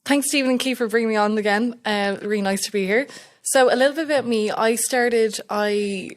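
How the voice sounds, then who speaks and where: A young Estonian woman who works as an electrical apprentice chats as a guest in a casual interview, acting out quoted remarks while telling a story. She speaks briskly in a fairly high pitch.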